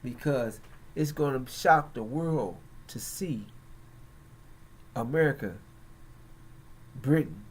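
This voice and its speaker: A man hosting religious and political commentary, speaking in a halting, emphatic way with frequent pauses. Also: mid-range voice, animated, a little mellow, breathy edge. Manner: slow, halting, emphatic delivery. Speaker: host.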